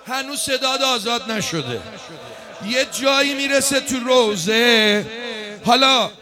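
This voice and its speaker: A man with a very high-pitched voice leads a Shia mourning gathering, passionately speaking and chanting a lament. He swings between speech, shouting, and slow, drawn-out wailing, with a crowd of mourners audible in the background.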